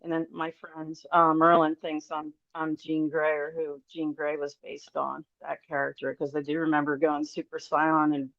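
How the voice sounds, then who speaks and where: A woman with a very low voice tells her story in a podcast roundtable, rambling and filling gaps with ums and nervous laughs. The audio is dull and lo-fi. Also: completely flat delivery, moderate pace, hardly any pauses, fairly bright tone, dry recording. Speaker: roundtable guest. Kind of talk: candid personal testimony in a podcast roundtable.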